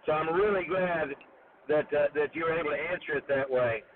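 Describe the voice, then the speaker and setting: A man calls in over a conference phone line and chats politely. His voice runs high and sounds thin and tinny. A crowd can be heard clearly behind him. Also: a little fast. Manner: polite and chatty. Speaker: caller. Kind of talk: casual phone call talk.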